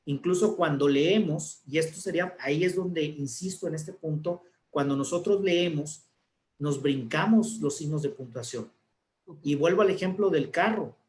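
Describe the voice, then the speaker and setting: A man, an announcer, explaining speaking techniques in a relaxed talk and demonstrating intonations. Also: a little high, normal speed, reverberant. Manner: didactic, demonstrates intonations with examples. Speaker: guest speaker, announcer and communicator.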